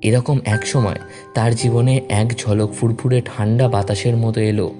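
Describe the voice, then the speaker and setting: A man reads a story aloud, measured and expressive. His pitch is middling, and clear background music runs under his voice throughout. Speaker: story reader. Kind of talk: scripted story narration. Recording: narration over background music.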